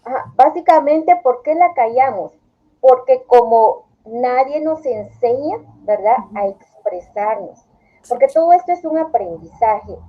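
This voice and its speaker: Calm explaining woman, dull lo-fi audio. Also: high-pitched, measured pace. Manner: calm, explanatory, acts out quoted phrases. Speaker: therapist guest. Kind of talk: explanatory interview answers. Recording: dull lo-fi sound.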